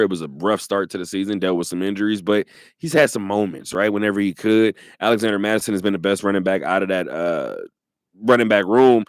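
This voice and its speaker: A sports radio host with a fairly low voice talks in an animated way, laughing often and repeating his points. The sound is dry and close-miked. He keeps a loose, casual flow. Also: no echo.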